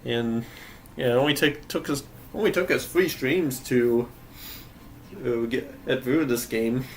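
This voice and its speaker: A man's voice: medium pitch, a little slow, slight background noise. Rambling young male game streamer. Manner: rambling, self-correcting, laughs often. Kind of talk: casual gameplay commentary.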